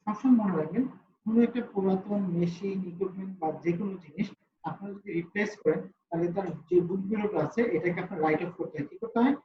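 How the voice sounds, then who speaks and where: A man teaching a class, high-pitched voice for a man, quick delivery, constantly quizzing students and then answering himself. The sound is roomy and a little dull, with a faint hum of ambience behind him. He comes across as a lively question-and-answer teacher on an online call.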